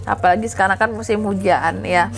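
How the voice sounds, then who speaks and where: A woman's voice: medium pitch, fairly even intonation, fairly quick, soft background music. An Indonesian woman with a congested, blocked-nose voice from a cold, chatting through a tarot reading as host and often adding questioning tags. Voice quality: congested, stuffy-nosed voice from a cold. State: has flu with blocked nose and sore throat, clearing throat. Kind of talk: casual tarot reading narration.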